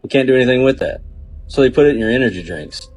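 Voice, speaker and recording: A man's voice: medium pitch, lively intonation, rapid-fire, darkish tone, slightly rough, soft background music. A man delivering an explanatory social media monologue in blunt, declarative statements.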